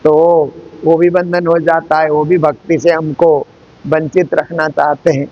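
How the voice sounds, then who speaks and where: A man delivers a devotional discourse at an unhurried, deliberate pace, his voice sitting a little high for a man. He leans on repeated phrases to drive each point home. The live recording sounds dull and lo-fi. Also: little pitch movement. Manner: slow, measured, repeating phrases for emphasis. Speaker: spiritual teacher giving a scripture discourse.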